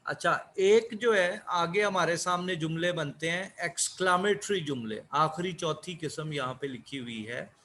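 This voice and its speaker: A man teaching an online English class, speaking slowly and repeating key words as he explains. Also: fairly high pitch, sharp tone, slight background noise.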